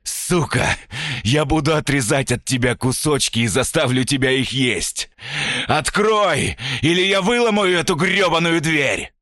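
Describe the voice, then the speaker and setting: A man's voice: on the high side, lively intonation, a little slow, fairly bright tone, dry recording, clean studio sound, pitched above the performer's own voice. A man voicing a hysterical, threatening stranger who screams from behind a closed door, his voice muffled through it. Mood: raving, threatening. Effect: muffled, heard through a closed door. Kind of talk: horror audiobook narration.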